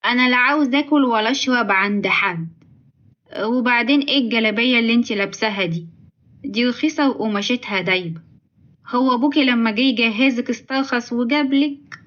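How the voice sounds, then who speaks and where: Lady reading a snooty mean older mom-in-law, egyptian accent, quick and a bit high, dull sound. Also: a bit bright, natural voice. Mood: scornful. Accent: Egyptian Arabic. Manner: scornful, mocking. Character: sharp-tongued greedy older mother-in-law.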